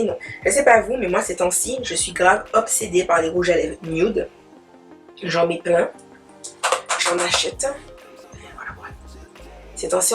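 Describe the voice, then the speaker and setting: A young woman, chatting casually through a makeup tutorial and dropping in English words. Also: on the low side. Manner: chatty, mixes in English words, repeats fillers. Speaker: beauty vlogger.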